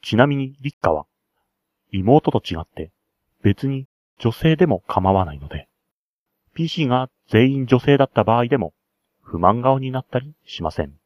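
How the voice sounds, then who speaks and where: A man's voice: mid-range voice, sing-song, moderate pace, a little mellow, dry recording, studio quality. A man acting as game master, narrating a tabletop role-play scenario with chatty, enthusiastic side remarks.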